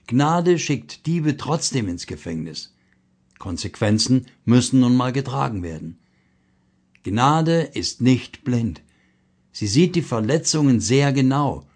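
An earnest man reads a devotional blog text aloud at a measured pace. His voice sits at an ordinary middle pitch, and he slows down to lean on the key phrases. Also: darkish tone, slightly rough. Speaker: reader of a blog article. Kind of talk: devotional reading.

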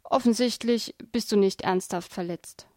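A woman reading as an unruffled male owl from a storybook, calm and deadpan with a teasing edge. The voice sits a little high and sounds dry and close. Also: a little slow, dry recording, natural voice.

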